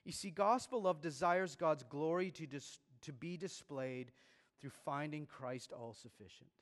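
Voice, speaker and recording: A man preaching in earnest, his slightly high voice pressing harder as he drives each point home. His words ring out with a long reverb across a large church sanctuary. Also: unhurried. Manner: earnest, building to emphatic preaching. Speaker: pastor. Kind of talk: sermon.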